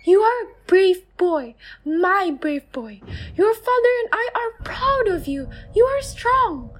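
A woman voicing a frightened young mother who gently comforts her small son in a storybook reading. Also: extremely high pitch, very animated, takes it slowly, a little hiss or hum, voice pushed up, full character voice. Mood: tender. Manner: soft, tender, soothing.

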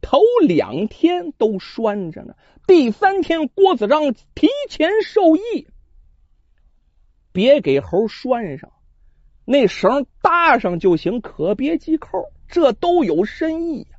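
Male traditional storyteller, very lively pitch, chatty asides, dry and a bit dull recording. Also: slow, no echo. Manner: animated, chatty asides to listeners.

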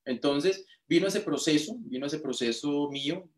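A man's voice: fairly high pitch, normal speed. A Colombian man giving a motivational talk, telling his own story with emotion and repetition. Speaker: motivational speaker. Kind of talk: personal testimony storytelling.

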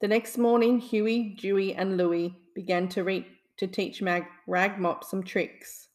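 A woman reading a children's bedtime story aloud. Her delivery is gentle and soothing, the calm pace of a storyteller settling listeners for sleep. Her pitch sits in an ordinary middle range. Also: a little slow.

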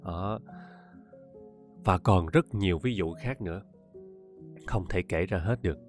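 A man's voice: low voice, a little slow, darkish tone, faint music behind. A man with a Southern Vietnamese accent, an audiobook narrator talking casually to his listeners, often laughing and addressing them directly. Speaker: audiobook narrator and podcast host.

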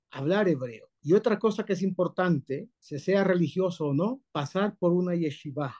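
A man's voice: a little high, warm tone. A man with a Colombian Spanish accent teaching a class as a rabbi, emphatic, repeating and exaggerating sounds to demonstrate them and checking that his students follow. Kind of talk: spoken class, explaining pronunciation.

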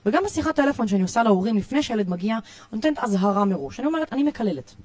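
A woman youth coach with an Israeli accent, giving parenting tips in a podcast interview in an energetic, emphatic way, often repeating herself. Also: a little high, no room sound. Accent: Israeli Hebrew. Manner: energetic, repetitive, emphatic listing.

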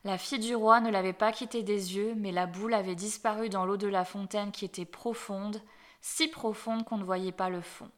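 A woman reading a fairy tale aloud as storyteller, gentle and dropping softly at the ends of phrases. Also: medium pitch, fairly even intonation, moderate pace.

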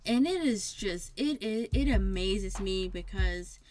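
A woman co-hosting a casual chat with her best friend, animated and quick to laugh, often repeating words as she gets going. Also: mid-range voice. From United States. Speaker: podcast co-host.

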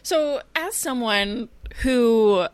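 A woman's voice: a little high, animated, drawn-out words, smooth, dry recording. A young woman hosting a podcast, chatting playfully and laughing often. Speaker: podcast host. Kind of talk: casual chat.

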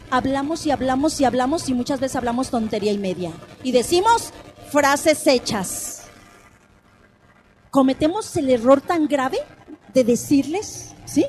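A middle-aged Mexican woman hosting a radio talk on grief, animated, repeating phrases for emphasis and asking the listeners questions. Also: sits high. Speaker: radio host and thanatology speaker.

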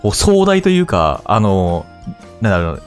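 A man's voice: on the low side, wildly swooping pitch, normal speed, soft background music. A man co-hosting in casual banter, with blunt, teasing asides. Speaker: podcast co-host.

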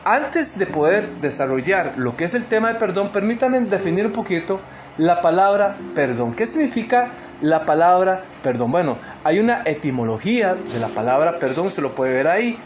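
A Costa Rican man speaking to an online seminar, earnest and emphatic, often pausing on fillers and restarting his sentences. His voice sits somewhat high for a man, and a steady hiss of noise runs under the call. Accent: Costa Rican Spanish. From Costa Rica.

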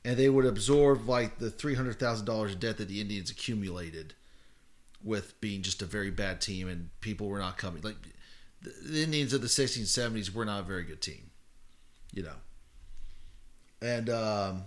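A man with a fairly low voice recounts a story in casual podcast chat. He meanders, stops to correct himself and leans on fillers as he goes. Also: normal speed. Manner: rambling, self-correcting, many fillers. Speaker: podcast co-host.

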